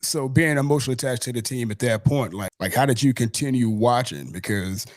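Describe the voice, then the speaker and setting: A Mississippi man with a Southern US accent hosts a podcast, running a casual sports interview in a wordy style that keeps circling back over phrases. His voice is medium-pitched and brisk, recorded at studio quality with no echo.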